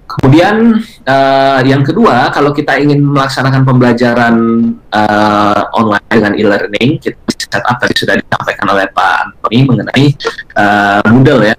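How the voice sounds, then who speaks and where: A man presents a live online webinar from a video conference. He talks hesitantly, pausing on filler sounds, and keeps turning to address his audience politely. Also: medium pitch, rough recording.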